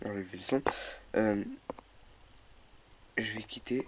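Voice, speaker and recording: A man's voice: fairly low pitch, slow pace, over loud music. A young man walking through a casual tutorial, hesitant, with many fillers and self-corrections. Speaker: tutorial maker. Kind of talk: casual screen-recorded tutorial. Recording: dull lo-fi mic with faint noise.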